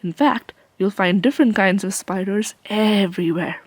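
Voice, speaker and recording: A woman giving playful, measured educational narration for children as a nature presenter. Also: medium pitch, no echo.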